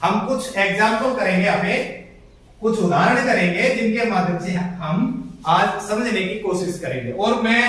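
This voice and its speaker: A male Hindi grammar teacher giving a blackboard lesson, explaining slowly, spelling out syllables one by one and calling his viewers friends. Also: sits high, fairly bright tone. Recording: very echoey room, far from the mic.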